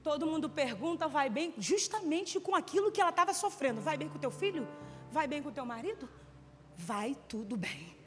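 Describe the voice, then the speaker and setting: High-voiced woman preaching in a church hall. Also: big pitch swings, normal speed. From Brazil. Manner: swings between loud shouted exhortation and soft quiet talk. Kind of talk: sermon. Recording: church hall with long reverb and faint music.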